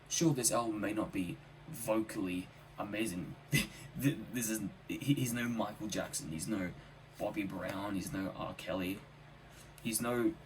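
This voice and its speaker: Man, slightly low voice, casual album reviewer, enthusiastic, emphatic repetition, faint background noise. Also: low-quality recording. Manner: enthusiastic, emphatic with repeated phrases. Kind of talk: casual spoken music review.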